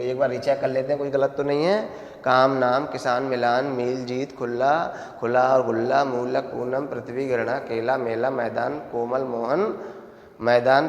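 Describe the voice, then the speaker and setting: A male primary school teacher giving a grammar lesson, stretching words out slowly and asking questions that he answers himself. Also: medium pitch. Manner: slow, drawn-out syllables, asks questions and answers them himself. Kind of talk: classroom lesson explaining grammar. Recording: echoey, reverberant room.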